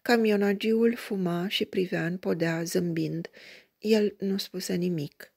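Woman, story reader, measured, dark, mellow, husky. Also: on the low side, steady tone. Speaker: audiobook reader. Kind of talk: read-aloud crime story.

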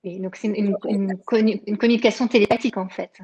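A woman's voice: medium pitch, steady tone, quick pace, a little mellow, highs cut off. A woman interviewing an author, offering brief supportive replies.

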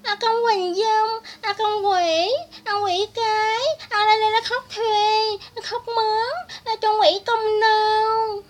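A woman's voice: extremely high pitch, level tone, slow pace, hardly any pauses, pitched above the performer's own voice. A woman putting on a mocking impression of a whiny, lewd woman who sobs and wails as she talks. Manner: mocking, wailing. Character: shrill whiny lewd woman, sobbing and self-pitying.

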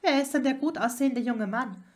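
A woman's voice: high-pitched, brisk, natural voice. A woman reading the lines of a friendly, curious middle-aged mother in a fan fiction audiobook. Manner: warm, curious.

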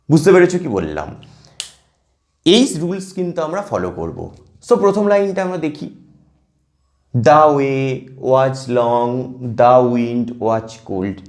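A male teacher walks students through an exam lesson step by step, often stopping to check that they follow. His voice sits fairly high and swings widely in pitch. He reads verse lines slowly, syllable by syllable. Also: darkish tone.

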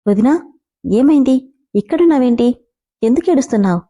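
Woman doing a sharp-tongued indignant young woman. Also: on the high side, expressive, brisk, breathy edge, pitched above the performer's own voice. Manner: indignant, heated.

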